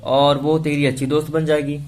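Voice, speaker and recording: A man's voice: a little high, flat delivery, moderate pace, over music, voice pushed up, lightly acted. A man doing a cheeky, whiny young buddy. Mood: teasing. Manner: whiny, bleating banter. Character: joking, teasing young male best friend.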